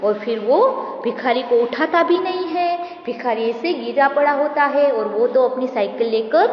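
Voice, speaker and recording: A woman's voice: high-pitched, unhurried, a little hiss or hum. A woman teacher explaining a picture story to pupils and acting out the characters' lines in a raised voice. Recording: echoey, dull, long reverb.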